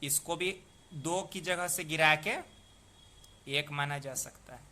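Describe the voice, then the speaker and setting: A man teaching the rules of poetic meter in a patient lesson, repeating words and sounding them out slowly. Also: fairly high pitch, sharp tone. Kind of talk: explanatory lesson.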